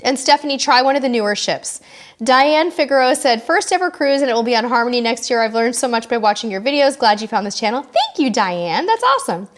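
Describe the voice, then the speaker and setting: A woman's voice: on the high side, animated. A woman in her forties hosting a live cruise Q&A, chatting casually and reading out viewer comments in a bubbly way. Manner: bubbly and chatty, quick asides.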